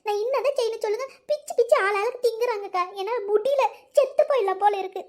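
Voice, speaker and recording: Brief: a woman as a shrill, fast-talking, complaining cartoon mother. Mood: distraught. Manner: wailing, complaining. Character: distressed village mother and neighbour women.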